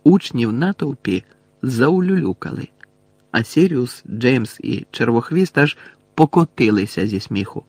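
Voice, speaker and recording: A man reading an audiobook aloud with expressive storytelling. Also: mid-range voice, measured pace, breathy edge, no room sound. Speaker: audiobook narrator.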